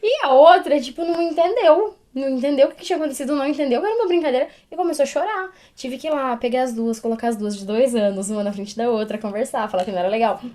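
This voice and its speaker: Lively young woman telling a story. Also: high-pitched, very fast, few pauses. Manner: animated storytelling, acting out children's voices. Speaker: podcast co-host. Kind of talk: casual chat.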